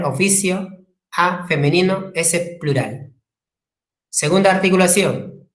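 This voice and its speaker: Echoey classroom teacher, repeats key terms. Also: male voice, a little high. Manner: repeats key terms, spells words out, asks rhetorical questions. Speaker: language teacher. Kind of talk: classroom lecture.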